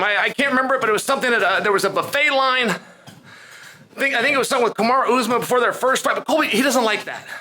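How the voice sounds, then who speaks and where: A man's voice: extremely high pitch, sharp tone. An American man giving a casual, emphatic opinion monologue like a sports commentator, repeating phrases for effect as he tells stories. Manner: emphatic storyteller, repeats phrases and poses rhetorical questions. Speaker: sports commentator hosting a talk vlog.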